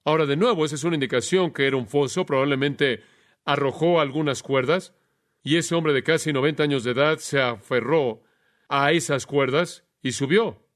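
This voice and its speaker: A man's voice: fairly high pitch, normal speed. A man preaching an expository sermon, asking the listeners rhetorical questions and acting out quoted voices.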